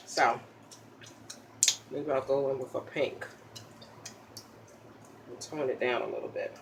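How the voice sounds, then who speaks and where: A chatty woman walks through a casual makeup tutorial, popping gum as she talks. She keeps checking in with a quick "okay?" after each step, over a faint hum behind her. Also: extremely low pitch, gravelly, sharp tone. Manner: pops chewing gum while talking.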